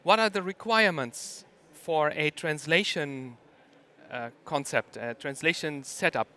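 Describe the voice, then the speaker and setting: Man, conference talk, lots of ums and uhs, fairly high voice, bright and crisp. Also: measured pace. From Germany. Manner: hesitant, many ums and uhs. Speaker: conference speaker.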